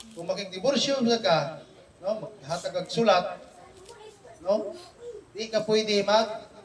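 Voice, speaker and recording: High-voiced man leading a family study. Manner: animated, teasing, keeps checking in with "no?". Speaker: Bible study leader. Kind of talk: family Bible study teaching. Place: home room with family gathered. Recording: echoey room, far from the mic.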